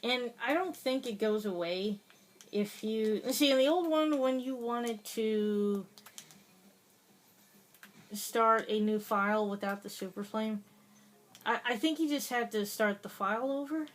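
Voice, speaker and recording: A woman's voice: a little high, unhurried. A woman giving casual, chatty commentary over her gameplay, laughing often and hesitating with many fillers. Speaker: gaming video host.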